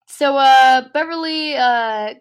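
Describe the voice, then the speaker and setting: A woman's voice: sits high, slow pace, clean tone. An eighteen-year-old woman co-hosting a podcast, recapping a movie in a rambling, self-deprecating way full of fillers. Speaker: podcast co-host. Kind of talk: casual movie recap chat.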